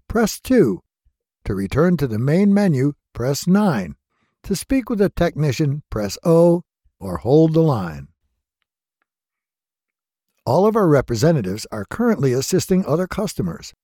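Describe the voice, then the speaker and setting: A man voicing scripted, polite phone system prompts in a measured, even way. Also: on the high side, no room sound, clean studio sound. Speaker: phone menu voice-over artist.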